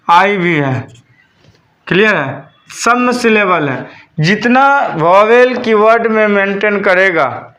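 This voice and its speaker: Guy teaching class at a board, high bright voice, spells out letters, asks the room stuff. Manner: slow, repeats questions to the class and spells words letter by letter. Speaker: English teacher. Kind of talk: classroom lesson.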